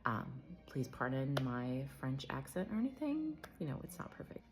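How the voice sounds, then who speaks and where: A woman vlogger explaining and comparing two events in a conversational way, with frequent fillers and self-corrections. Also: low-pitched. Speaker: travel vlogger. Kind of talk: casual explainer talk.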